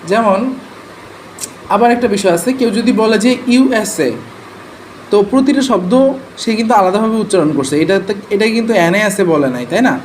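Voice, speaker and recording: A man walks a class through transcription rules. He keeps a relaxed, conversational tone and keeps checking in with his listeners. His voice sits high, with a faint steady hiss underneath. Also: moderate pace, pauses often, rough recording. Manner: conversational, checks in often with rhetorical questions. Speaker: transcription trainer.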